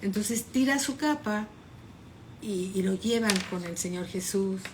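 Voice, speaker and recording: A woman pastor preaching a fervent sermon, retelling scenes dramatically with sudden loud peaks. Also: medium pitch, a little slow, slight background noise.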